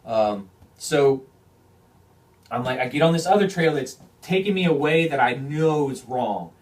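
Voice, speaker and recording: Excitable swearing man telling a story. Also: a little high, unhurried, far from the mic. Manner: animated, swears often, repeats and restarts phrases. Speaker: podcast host. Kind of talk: casual storytelling chat.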